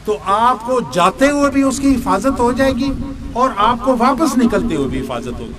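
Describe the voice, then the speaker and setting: A man's voice: extremely high pitch, sing-song, crowd noise. An older man from Pakistan giving a sermon, explaining step by step, asking questions and answering them himself, with asides in Punjabi. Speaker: religious teacher.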